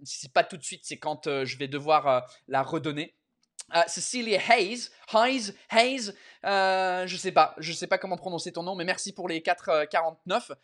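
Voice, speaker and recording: A man hosting a casual live stream in halting, word-searching French, often slipping into English as he reads out and answers viewer messages. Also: high voice, fairly even intonation, a bit bright. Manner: switches between French and English mid-speech.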